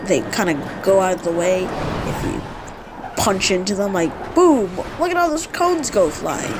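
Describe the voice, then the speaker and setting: A woman's voice: mid-range voice, noisy background. Chatty woman narrating gameplay. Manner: chatty, animated, self-correcting. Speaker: gaming video host. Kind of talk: gameplay commentary. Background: game sound effects.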